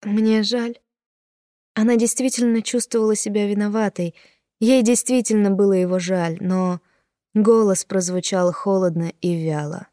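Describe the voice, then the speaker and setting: A woman narrating an audiobook in a measured storytelling manner. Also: medium pitch, steady tone, mellow, dry recording, clean studio sound. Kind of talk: scripted narration.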